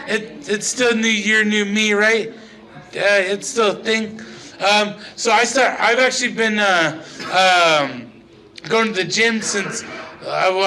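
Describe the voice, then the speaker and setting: A man's voice: sits high, sharp tone, low-quality recording. A young man doing a rambling, profane stand-up set on a small bar stage, often laughing at his own jokes. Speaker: stand-up comedian. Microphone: old-style handheld stage mic.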